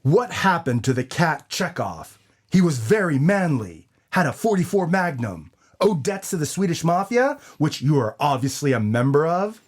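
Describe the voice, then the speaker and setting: Man acting a husky, swooping noir detective. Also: on the high side, sing-song, moderate pace. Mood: brash, cocky. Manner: noir detective parody, tough-guy narration and banter. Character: dim, brash hard-boiled noir detective, male. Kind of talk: scripted comedic noir audio drama.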